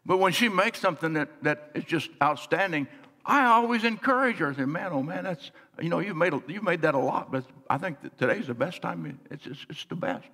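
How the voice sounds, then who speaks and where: Middle-aged guy preaching from the stage, earnest, gets soft then loud, somewhat high voice, church echo rings out. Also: animated, a little fast. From United States. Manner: earnest preaching, swings between soft and emphatic. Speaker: pastor. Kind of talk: sermon. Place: large church sanctuary, on stage. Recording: long church hall reverb.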